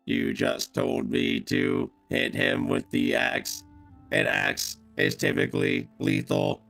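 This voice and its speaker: A man acting as game master, voicing a blunt male axe warrior through a robot voice changer in a flat, matter-of-fact way. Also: on the high side, slow, creaky, faint music behind, voice pushed down, full character voice. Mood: deadpan. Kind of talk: tabletop game character voice.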